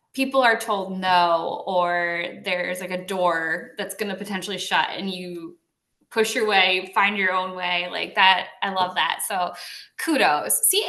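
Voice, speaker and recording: Bright-voiced woman host in an echoey room. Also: mid-range voice. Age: 30s. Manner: enthusiastic, encouraging. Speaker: podcast host. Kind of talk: casual interview chat. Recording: roomy echo.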